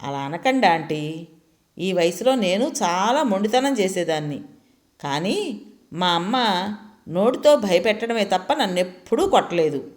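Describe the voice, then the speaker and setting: A woman voicing a polite young student who calmly argues her point. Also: mid-range voice, a little slow, pauses often. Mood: gentle. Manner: polite, gently persuasive. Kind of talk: storytelling voice acting.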